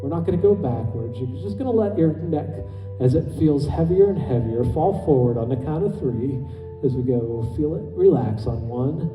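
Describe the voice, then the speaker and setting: A man speaking as a stage hypnotist, slowly and soothingly guiding volunteers through a relaxation induction. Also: a little high, animated. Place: stage in a hall with an audience. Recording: echoey hall, far from mic, music behind. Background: soft background music.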